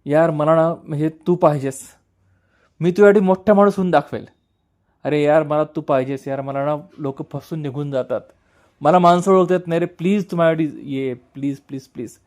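Man reading a tearful pleading brother, dark mellow voice, rising pleas. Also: fairly high pitch, fairly even intonation, normal speed, close to an everyday voice. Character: grieving young man begging his brother.

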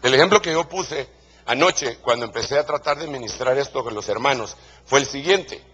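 Husky Guatemalan preacher man. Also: mid-range voice, normal speed, pushed and bright. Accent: Guatemalan Spanish. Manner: emphatic, repeats key phrases. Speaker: pastor. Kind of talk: sermon.

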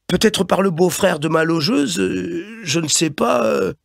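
A man's voice: sits high, measured pace, vocal fry, no echo, clean studio sound, voice pushed up, exaggerated voice. A man voicing a timid young clerk who stammers and hesitates with "euh" in an audiobook.

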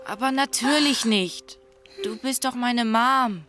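An earnest young cartoon boy with a bit of mischief. The voice is high and takes its time. Loud music runs underneath. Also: takes it slowly. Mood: relieved, affectionate. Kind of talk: animated children's cartoon dubbing.

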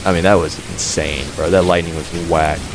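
A man's voice: low-pitched, steady tone, a little fast, noisy background. A man streaming a horror game with scared, jittery reactions, repeating himself and speaking in profane, slangy commentary.

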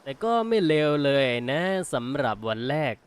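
A Thai man voicing a gruff older male sushi chef who lectures in a lowered, stern voice. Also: very animated, moderate pace, natural voice.

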